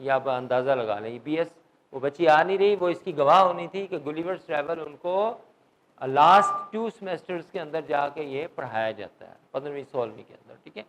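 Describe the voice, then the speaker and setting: A man's voice: fairly high pitch, expressive, fairly bright tone, lo-fi sound. A middle-aged man teaching an English grammar class. He quizzes his students and mixes English terms into his Urdu.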